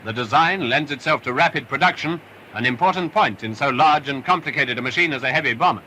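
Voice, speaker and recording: On a crackly, restored 1940s film soundtrack, a man with a medium-pitched voice speaks quickly as narrator of a wartime picture. His delivery is upbeat, forceful and patriotic.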